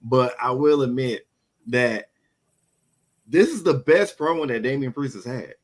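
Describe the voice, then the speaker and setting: A man's voice: medium pitch, measured pace, rough recording. A man co-hosting a casual wrestling review show, often restarting and repeating words as he talks. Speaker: podcast co-host.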